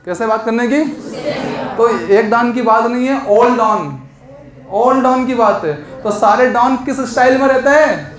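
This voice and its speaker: A man's voice: extremely high pitch, expressive, unhurried. A man teaching an exam coaching lesson, explaining memory tricks and asking the class questions that he answers himself. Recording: echoey room.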